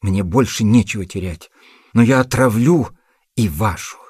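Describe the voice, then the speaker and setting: A man's voice: lowish voice, lively intonation, moderate pace, mellow, breathy edge, no echo, studio quality. A man doing a frantic jilted young woman. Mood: furious. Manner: threatening, then tearful and pleading.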